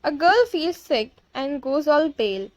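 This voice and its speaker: A woman's voice: high-pitched, very animated, measured pace, no echo. A woman voicing a disgusting old witch from a storybook, theatrical and gleefully menacing as she gloats and rants. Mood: gloating. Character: gloating, disgusting old Grand High Witch ranting to her audience. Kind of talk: storybook character voice in an audiobook reading.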